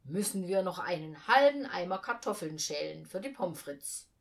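A woman doing a secretive, hearty uncle with a lowered voice. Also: lively intonation, moderate pace. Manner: mysterious, gruff and hearty. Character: kind, secretive older man, the uncle.

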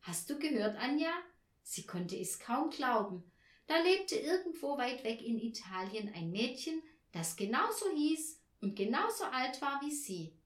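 A woman reads a children's story aloud, her voice a little high and swinging widely up and down. She takes her time over every sentence. The recording sits in a roomy, echoing space. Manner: slow, lively storytelling intonation. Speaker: narrator. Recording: roomy echo.

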